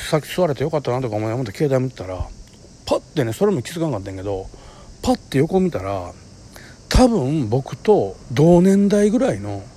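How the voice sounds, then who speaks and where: Kansai guy in his 40s, solo storytelling, voice bouncing all over, noisy vehicle hum behind. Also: medium pitch. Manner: animated, vivid sound words, self-mocking. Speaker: podcast host.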